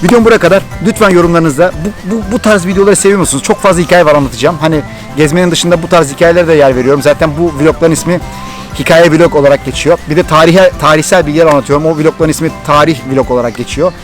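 Fast-talking excited Thracian Turkish man. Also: a little high, soft background music. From Turkey. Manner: excited, animated storytelling. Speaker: vlogger. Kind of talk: storytelling vlog.

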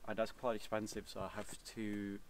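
Young Swedish-accented man, casual and halting, level low delivery, recorded outdoors from a few feet away. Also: recorded from a distance, slight background noise. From Sweden. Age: young adult. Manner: relaxed, hesitant, many fillers and restarts. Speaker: vlogger. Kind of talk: casual Q&A answers. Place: outdoors, seated on a cabin bench by woods.

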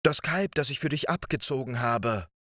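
A man's voice: medium pitch, expressive, moderate pace, a bit bright, no room sound, clean studio sound, voice pushed up. A man voicing the kind, fearful wife of a giant in a storybook fairy tale, pleading in a raised tone.

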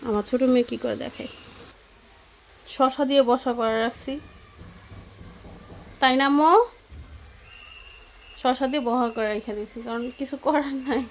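A woman's voice: on the high side, fairly even intonation, brisk, a little mellow, slight background noise. A woman, chatting casually and rambling with many fillers as she vlogs while cooking at home. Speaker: vlogger. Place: home kitchen and yard.

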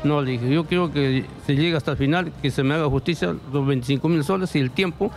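In a radio studio, a gravelly-voiced middle-aged man from Peru gives emotional testimony about bank fraud through a studio mic with headphones. His voice is a little high and soft music plays in the background. He speaks haltingly, repeats himself and acts out dialogue.

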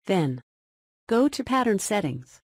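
A woman's voice: mid-range voice, very animated, slow, dry recording, studio quality. A woman giving step-by-step instructional narration in short, segmented phrases. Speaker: software tutorial narrator.

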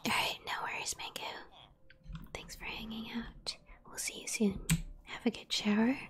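A woman's voice: on the high side, wildly swooping pitch, normal speed, a bit bright. A woman streamer in a whispered gaming livestream, mostly whispering as she chats with viewers while playing. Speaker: ASMR streamer.

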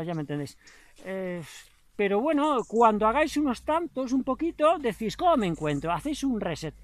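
A man's voice: sits high, no room sound. A married man, a trail runner and coach, talking casually to his viewers after a long run and cheering them on. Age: adult, married. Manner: chatty, motivational, addresses viewers as mates. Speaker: trail running vlogger and coach. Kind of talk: casual post-run vlog talk.

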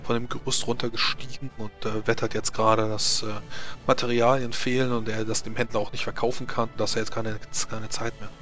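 Guy game mastering a tabletop rpg, normal pitch, music behind. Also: level tone, brisk, fairly bright tone. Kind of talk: narrating an online tabletop role-playing game.

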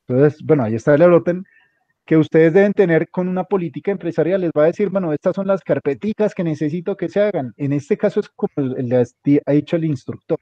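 A man instructs a computer class, walking his student through each click and repeating himself as he goes. His voice sits somewhat high and is mellow. The dry, dull lo-fi recording gives it a flat, close quality. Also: fast, no echo. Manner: directive, repeats instructions step by step.

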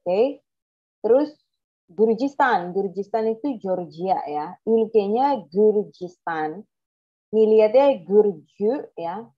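A woman leads a language lesson at a slow, deliberate pace. She thinks out loud, double-checks words and corrects herself mid-sentence. The audio is slightly dull and lo-fi. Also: mid-range voice, animated. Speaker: Turkish language teacher.

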